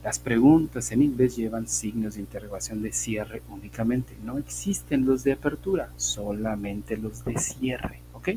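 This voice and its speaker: A man's voice: medium pitch, unhurried, hardly any pauses. A male English teacher, giving an online class and explaining grammar step by step, checking in with frequent "ok?". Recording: faint background hum.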